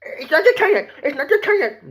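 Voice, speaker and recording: A man's voice: very high voice, big pitch swings, brisk, a bit bright, voice pushed up, full character voice. A man voicing a pushy, whiny schoolboy bully in a storytime vlog, nagging and taunting.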